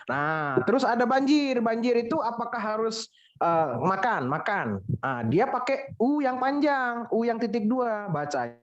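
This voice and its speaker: A woman teaching English pronunciation to a class, lively and teasing, drilling words over and over. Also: a little high, a little slow. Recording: dull lo-fi sound.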